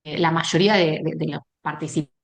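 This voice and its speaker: Woman, psychologist on a choppy glitching call, lowish voice, halting delivery. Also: steady tone, gravelly. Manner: halting, with many restarts and fillers. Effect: choppy audio cutting out on a bad connection. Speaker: psychologist presenting a case. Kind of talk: professional group discussion. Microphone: video call.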